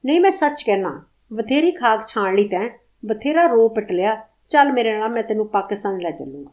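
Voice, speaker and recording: A woman's voice: a little high, animated, fairly quick, a little mellow, close to an everyday voice. A woman reading the lines of a man who earnestly pleads and tries to persuade. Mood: pleading. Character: male traveler, pleading, trying to persuade.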